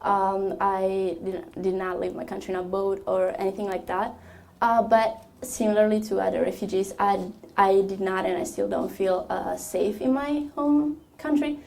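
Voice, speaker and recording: A woman's voice: mid-range voice, steady tone, normal speed, vocal fry, darkish tone. A young woman from Ethiopia giving a personal testimony talk at a college event, speaking hesitantly with many fillers and restarts. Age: young adult. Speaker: student speaker.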